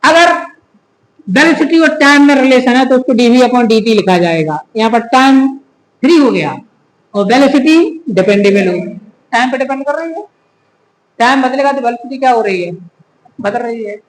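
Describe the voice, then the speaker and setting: A man's voice: very high voice, lively intonation, normal speed, long pauses, slight background noise. A male physics teacher giving a classroom lecture, who keeps asking the class rhetorical questions and repeating key terms. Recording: echoey room.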